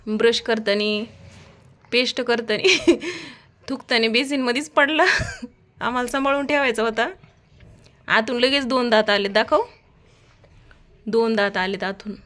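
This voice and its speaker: A woman's voice: a little high, a little slow, pauses often, a bit bright. A woman in her thirties from Maharashtra with a Marathwada Marathi accent, talking casually and affectionately to her child at home for a vlog. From Maharashtra, India. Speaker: vlogger mother. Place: family home. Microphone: phone camera.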